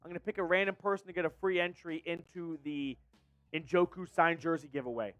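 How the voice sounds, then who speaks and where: An excitable man hosts a live fan watch party, calling each play and rallying his chat. His voice sits high. He is recorded dry and close, with faint music underneath. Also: a little fast, dry recording, dull audio. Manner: excitable, hypes chat and reads super chats. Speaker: fan channel host doing live play-by-play.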